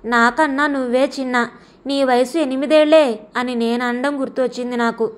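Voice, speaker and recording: A woman voicing a young adult grandson in an audio story, speaking softly and tenderly to his grandmother. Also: high-pitched, fairly even intonation, normal speed, lightly acted. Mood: pleading. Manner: soft, pleading delivery.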